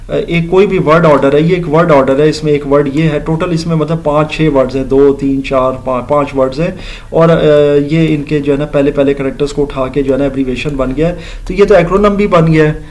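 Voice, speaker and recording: A man's voice: a little high, a little mellow. Middle-aged male teacher, slightly raised voice, polite, patient, mixing English terms into a lecture. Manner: explains step by step, mixing English terms into Urdu-Hindi speech; addresses listeners politely with "janab" and "ji". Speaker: grammar teacher. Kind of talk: classroom lecture.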